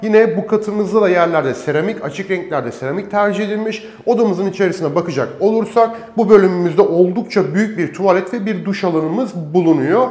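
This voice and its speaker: A man's voice: high voice, fairly quick, few pauses, darkish tone. A man presenting a property tour as an agent, walking through empty tiled rooms. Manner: walks and gestures while presenting. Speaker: real estate agent presenting a villa tour. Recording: echoey empty house interior.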